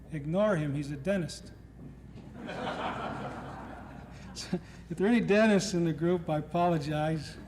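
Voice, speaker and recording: A high-pitched, darkish voice carries this humorous lecture by a middle-aged guest lecturer from Nashville, Tennessee. He entertains a lecture-hall audience with stories, acting out quoted speakers, and the old tape captures hall echo and faint noise.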